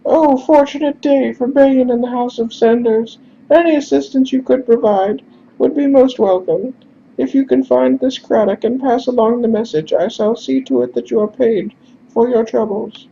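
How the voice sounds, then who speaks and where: A man voicing a high-voiced, anxious and overly courteous male messenger in a game, in a dull lo-fi recording with faint hiss. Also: steady tone, moderate pace, gravelly, warm tone. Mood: pleading courtesy.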